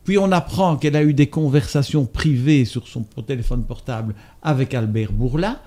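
A man from Belgium, a doctor being interviewed, speaking in a measured, matter-of-fact way. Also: medium pitch, warm tone. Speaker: doctor and author, guest. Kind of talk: interview conversation.

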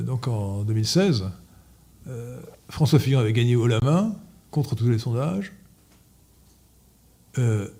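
A man giving a political lecture to an audience, halting with frequent filler sounds and restarts, and repeating his points emphatically. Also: medium pitch, mellow. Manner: emphatic, insistent repetition. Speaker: lecturer at an association meeting.

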